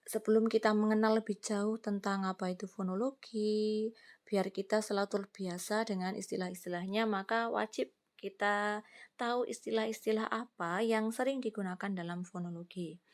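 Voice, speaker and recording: A woman's voice: mid-range voice, fairly even intonation, moderate pace. Woman lecturing patiently with many examples. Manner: explains patiently with examples and fillers. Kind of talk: recorded lecture.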